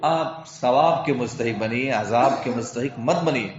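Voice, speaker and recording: Echoey preaching man, storytelling sermon. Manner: storytelling, rising high for the pleading mother and dropping low for asides; exhorting listeners as "my brothers". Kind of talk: weekly sermon. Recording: very echoey, dull lo-fi sound.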